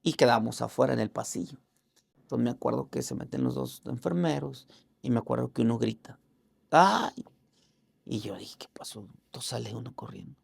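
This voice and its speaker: A man tells his personal faith testimony in an interview. His voice is deeply gravelly and full of fry, at an ordinary middle pitch. He speaks earnestly and haltingly, with religious fervor, and raises his voice to act out what others said. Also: warm tone. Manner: acts out other people's words in raised voices. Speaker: interview guest.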